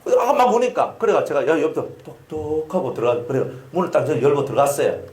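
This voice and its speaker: A man's voice: fairly high pitch, animated, fairly quick, darkish tone. A male pastor with a Gyeongsang accent preaching a sermon, telling stories with sound effects and questions to the congregation. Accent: Gyeongsang Korean. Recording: roomy echoing hall.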